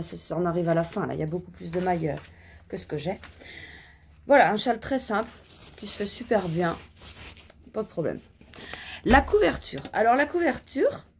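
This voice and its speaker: A woman's voice: medium pitch, a little mellow, a little hiss or hum. A middle-aged woman chatting casually in a knitting vlog, rambling with lots of fillers and restarts. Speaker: knitting vlogger.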